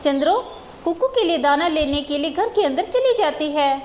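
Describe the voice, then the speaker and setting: High-voiced woman narrating a storybook. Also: normal speed, slight background noise. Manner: steady, simple narration.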